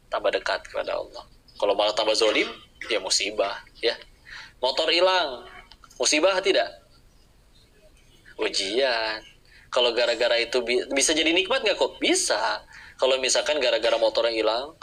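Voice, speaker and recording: A man's voice: mid-range voice, bright, forceful tone, rough recording. A man preaching a sermon to a live audience, asking questions and answering them himself, acting out little dialogues.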